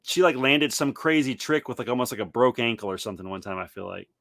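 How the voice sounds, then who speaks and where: A man's voice: medium pitch, lively intonation, fast, gravelly, a bit bright, no echo. Podcast cohost guy, dry close sound, telling old stories in a loose easygoing way. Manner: reminiscing, loose and storytelling. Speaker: podcast co-host. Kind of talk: casual chat.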